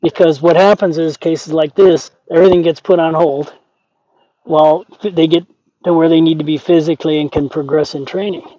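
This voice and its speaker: Older male trainer, conversational and illustrative, slightly high voice, close lo-fi recording. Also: fairly even intonation, a little fast, dark tone, dry recording. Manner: conversational, acts out imagined quotes. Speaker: horse trainer. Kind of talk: casual explanatory talk to camera and companion. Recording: dull lo-fi audio.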